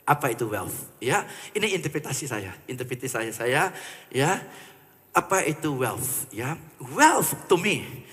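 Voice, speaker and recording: A man gives a live motivational talk in a large hall, his bright, ringing voice swinging widely up and down as he teases the audience. His words carry a long reverb tail from the room. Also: a little high. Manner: animated, mixing English into Indonesian, playful audience teasing. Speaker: motivational speaker.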